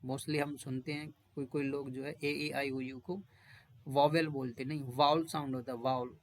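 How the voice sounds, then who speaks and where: A man teaching English vocabulary in Hindi, repeating each word again and again and reading definitions slowly, with homely asides to his students. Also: medium pitch, flat delivery, no echo. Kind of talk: explaining vocabulary and drilling pronunciation.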